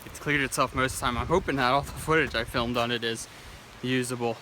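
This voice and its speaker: A man giving a casual vlog commentary outdoors beside a rushing river, thinking aloud as he talks to his camera. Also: mid-range voice, fairly even intonation. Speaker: vlogger and landscape photographer. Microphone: handheld phone or action camera. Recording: noisy outdoor audio with loud rushing water. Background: rushing river and waterfall noise.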